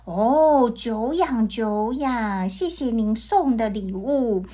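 A woman's voice: on the high side, animated, takes it slowly, warm tone. A woman voicing a pleased, generous male king with a pompous manner. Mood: gracious.

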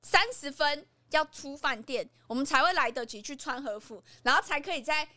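A woman's voice: sits high, moderate pace, pushed and bright, no room sound. A woman with a Taiwanese Mandarin accent, co-hosting a casual podcast chat and telling a story animatedly, acting out the lines she quotes. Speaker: podcast co-host.

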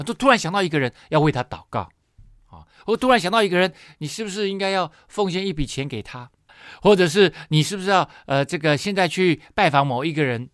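A man preaching, telling a personal testimony in an expressive, emotional storytelling way with many fillers. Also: mid-range voice, no echo, studio quality. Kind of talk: sermon testimony.

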